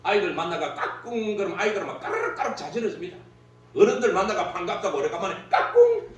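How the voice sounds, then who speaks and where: A man gives a humorous workshop lecture, his voice high and swinging widely. He keeps joking and laughing at his own stories. He is heard from a distance in a very echoey hall, with a faint hum underneath. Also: fast talker. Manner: jokey, laughs at own stories, lively delivery.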